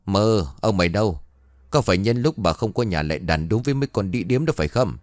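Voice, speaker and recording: A domineering, jealous wife of a rural chief, sharp-tongued and quick to scold, as a male storyteller voices her. The voice stays close to his own low, lively narrating tone and sounds dry and near. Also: no room sound, natural voice. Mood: angry.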